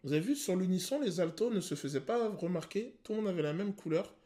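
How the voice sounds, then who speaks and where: A male vocal coach explaining singing technique to viewers, pausing to sing short examples. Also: high voice, expressive, warm tone. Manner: explanatory, addresses viewers, sings short demos. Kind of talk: vocal analysis video commentary.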